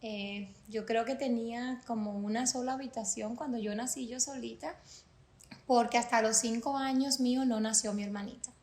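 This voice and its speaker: A woman's voice: fairly high pitch, steady tone, normal speed, a little mellow, echoey room. A Cuban woman in her forties with a Cuban Spanish accent, earnestly telling her life story as a podcast guest. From Cuba. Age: 40s. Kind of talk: personal testimony in a podcast interview.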